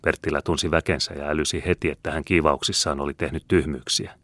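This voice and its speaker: A man reading a novel aloud as an audiobook narrator, in measured scripted narration. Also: rumbling low, steady tone, fairly bright tone, no echo. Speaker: audiobook reader.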